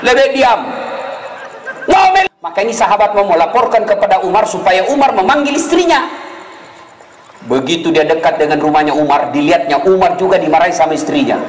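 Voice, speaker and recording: High-voiced joking preacher in an echoey hall. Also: male voice, fairly quick. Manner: lively storytelling with voiced characters and jokes. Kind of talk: humorous sermon. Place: hall with live audience. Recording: echoey hall with faint noise.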